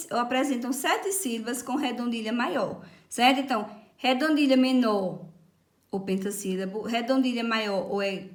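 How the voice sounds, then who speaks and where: Woman, teacher, patient explaining, somewhat high voice, roomy echo. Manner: patient, explanatory, often asks "certo?". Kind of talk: recorded online lesson.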